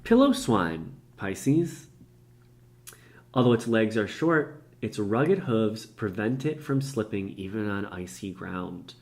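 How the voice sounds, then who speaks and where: A man's voice: lowish voice, lively intonation, slow. A man from Cleveland hosting a playful, chatty, mock-mystical card reading. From Cleveland, USA. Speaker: comedic psychic host. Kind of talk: comedic tarot card reading vlog.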